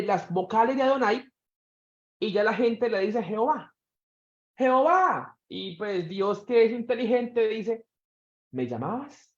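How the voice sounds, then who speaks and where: A man with a fairly high, very animated voice gives a church Bible lesson. He keeps asking his students questions and slows his words to make a point. The recording is roomy and a little muffled. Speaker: Bible teacher. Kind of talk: church Bible class lecture. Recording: echoey room, dull sound.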